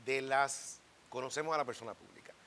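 A man, moderating and asking measured, friendly questions. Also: mid-range voice, steady tone, pushed and bright, a little hiss or hum. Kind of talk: interview questions.

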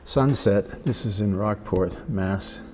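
An older man with a voice on the low side gives a casual watercolor tutorial. He teaches like a gentle, encouraging painting instructor who never hurries.

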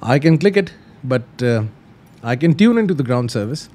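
The host of flight simulator tutorials has a mid-range, dark-toned voice that is expressive and moderately paced. He walks through things casually, step by step, repeating simple instructions.

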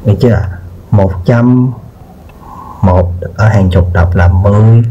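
A man teaching a children's math lesson, explaining slowly, repeating himself and often checking whether the viewers have followed. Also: on the low side, dark tone, slight background noise. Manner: slow, repeats words and asks "được chưa?". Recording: dull lo-fi sound with guitar music behind.

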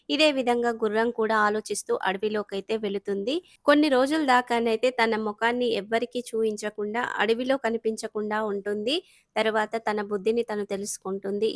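A woman's voice: on the high side, dry recording, studio quality. A woman storyteller narrating a children's moral cartoon story in a chatty, colloquial way, with frequent filler words.

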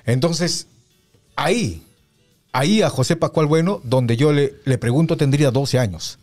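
A middle-aged radio announcer, reminiscing in an unhurried, reflective way, with frequent pauses and fillers. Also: male voice, a little high, a little mellow, faint music behind. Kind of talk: casual reminiscing conversation.

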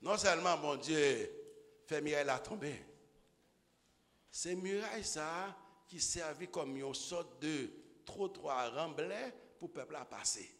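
A man preaching a sermon as pastor, swinging from low murmurs to shouted exclamations. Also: lively intonation, unhurried. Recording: echoey hall with long reverb.

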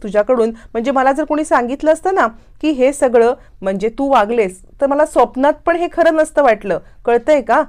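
A woman's voice: fairly high pitch, a little mellow, pitched above the performer's own voice, lightly acted. A woman voicing a stern elderly male head of the family who lectures firmly.

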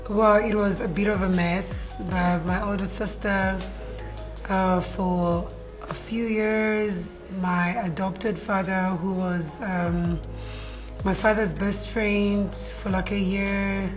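A woman in her thirties from Zambia, a model guest, telling her story in a relaxed casual interview in an indoor restaurant set. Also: medium pitch, takes it slowly, muffled recording, music in the background. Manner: relaxed storytelling with fillers and yeahs.

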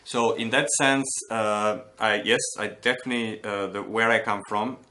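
Man, 40s, from Albania, Albanian native, low bright voice, halting, thoughtful, restarts, home study. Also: steady tone. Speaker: artist. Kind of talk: reflective interview monologue. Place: home studio with bookshelves, indoors.

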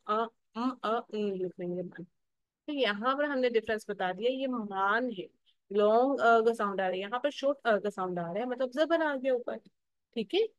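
A woman's voice: mid-range voice, no echo, rough recording. Female phonics teacher, Pakistani Urdu accent, explanatory, stretches syllables, dry close sound. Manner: explanatory, checks in with "theek hai" often. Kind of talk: teacher-training lesson.

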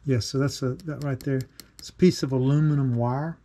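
A middle-aged DIY maker walks through a homemade build in a casual how-to from his cluttered home workshop. His voice is mellow and medium-pitched with a steady tone, and he talks a little fast, plainspoken and full of fillers. There's a slight hiss or hum in the recording.

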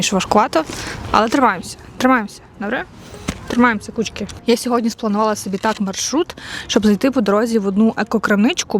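A woman's voice: mid-range voice, a little hiss or hum. A young woman from Ukraine, chatting playfully to the camera in a casual vlog as she walks outdoors and cooks at home. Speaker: vlogger. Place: outdoors in a park, then at home.

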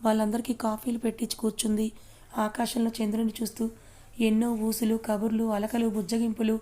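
Gentle woman narrating an audio story. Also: on the high side, completely flat delivery, fairly quick.

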